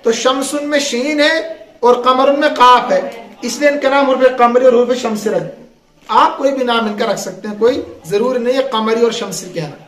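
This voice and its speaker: A man's voice: extremely high pitch, a bit bright. A man teaching an Arabic grammar lesson to a class, asking questions and having the students finish his sentences. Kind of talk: classroom lesson with call and response. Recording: echoey room.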